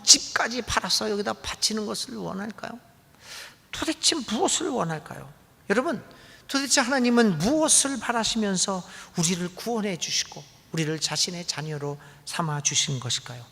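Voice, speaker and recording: A man's voice: high voice, expressive, moderate pace, creaky, bright, forceful tone. A man preaching a sermon as pastor, dramatic and full of rhetorical questions, sometimes acting out pleading voices. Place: church sanctuary. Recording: long reverb of a church hall.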